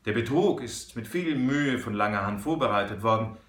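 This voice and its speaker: A man doing a calm shrewd frontier hunter. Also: fairly low pitch, reverberant. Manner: measured, explaining, firm.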